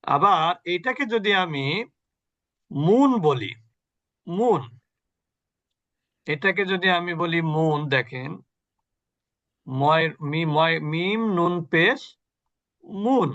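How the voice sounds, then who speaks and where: High-voiced man teaching over a call. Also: expressive, sharp tone, dull audio. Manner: explains patiently, asks students questions, chants examples slowly. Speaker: Quran recitation teacher. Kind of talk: online class lesson. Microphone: video call.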